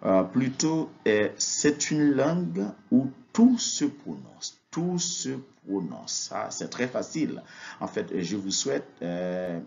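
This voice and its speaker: A man's voice: mid-range voice, big pitch swings, slow pace, vocal fry, darkish tone. A man giving a spoken language lesson, hesitant, with frequent fillers and words repeated for practice. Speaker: Spanish teacher. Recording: dull lo-fi recording.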